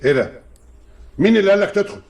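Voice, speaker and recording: An Egyptian actor playing a stern, impatient judge. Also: male voice, sits high, expressive, very fast, creaky, a little mellow. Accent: Egyptian Arabic. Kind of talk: film drama acting.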